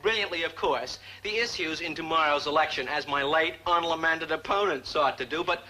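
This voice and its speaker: An actor playing a pompous, smug rich young rival candidate in an old sitcom, with grand, drawn-out phrasing. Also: male voice, fairly high pitch, pushed and bright, rough recording. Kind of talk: 1960s sitcom acting.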